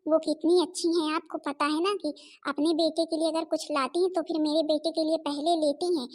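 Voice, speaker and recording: A woman voicing a loyal younger daughter-in-law who calms her mother and defends her sister-in-law in a Hindi cartoon. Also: sits high, a little fast, natural voice. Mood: earnest. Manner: soothing, reassuring.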